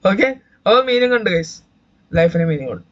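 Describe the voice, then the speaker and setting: A man's voice: high voice, very animated, brisk, a bit bright, highs cut off. A young man and YouTube gamer giving chatty, joking let's-play commentary, talking to his viewers as guys.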